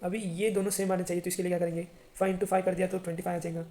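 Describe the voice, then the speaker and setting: A man's voice: sits high, flat delivery, rapid-fire, mellow. A man teaching a math lesson to students, chatty and often checking if they understand.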